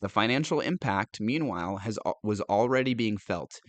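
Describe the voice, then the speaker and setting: A man's voice: on the low side, expressive, normal speed, no echo. A male commentator reading news aloud and reacting with sarcastic disbelief, laughing often and stumbling over words.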